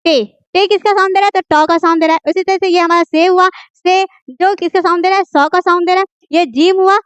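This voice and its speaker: A woman's voice: extremely high pitch, fairly even intonation, brisk, no room sound. A woman teaching a beginners' language class, patiently asking questions and answering them herself, with frequent fillers and self-corrections. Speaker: Urdu teacher. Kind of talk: online language lesson.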